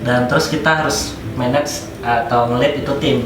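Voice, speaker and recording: A man, a guest chatting casually in an interview, relaxed and joking, laughing often. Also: medium pitch, normal speed. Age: late 20s. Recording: roomy echo with background music.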